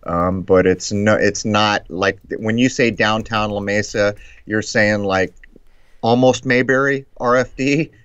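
American man, low voice, muffled echoey audio. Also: steady tone, measured pace, fairly bright tone, clear, resonant tone. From United States. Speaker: live stream host. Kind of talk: casual talk commentary. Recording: muffled, echoey live-stream call audio.

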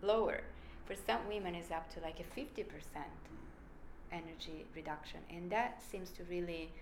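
An Italian woman who researches the brain explains her work in an emphatic, conversational interview, speaking with an Italian accent. Her voice sits on the low side at a normal pace, with reverb and a little hiss or hum in the recording.

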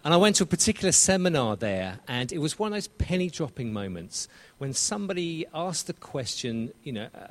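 A man's voice: a little high, big pitch swings, a little fast. An English man introducing himself at a church conference in a wry, self-deprecating way. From England. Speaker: church speaker. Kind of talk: conference talk.

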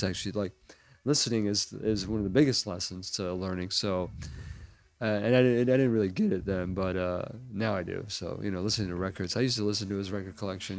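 A man with a lowish voice and no echo chats as a drummer guest in a restaurant. It's a casual interview conversation, and he rambles freely, packing in lots of "like" and "you know".

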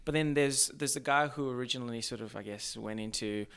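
Smooth-voiced man thinking aloud. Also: medium pitch, a bit bright. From born in Zimbabwe, raised in Australia. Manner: thoughtful, halting, many restarts. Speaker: guest. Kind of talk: casual podcast chat.

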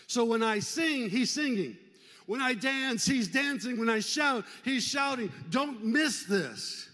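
A male pastor preaching a fervent sermon in a church, urging the congregation to clap and shout. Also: extremely high pitch, animated, slow, long reverb tail. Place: church sanctuary.

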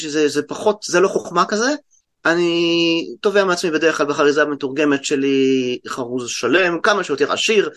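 A man with an Israeli accent explaining things conversationally as an interview guest, halting and often restarting mid-word. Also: sits high, a bit bright. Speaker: guest translator and poet.

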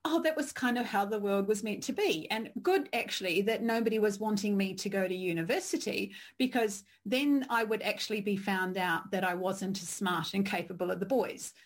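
A woman, telling her story in a thoughtful, measured way. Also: mid-range voice. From New Zealand. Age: 50s. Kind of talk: reflective conversation.

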